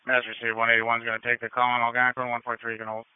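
A man's voice: mid-range voice, monotone, racing, clear, resonant tone, no echo. A man dispatching fire units in terse, procedural radio phrases. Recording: thin, phone-like radio channel.

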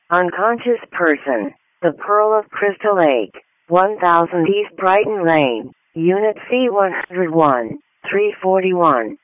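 Over a thin, phone-like radio channel, a man announces emergency dispatches. His voice is high for a man and slow. The delivery is measured, formulaic and procedural. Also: dry recording.

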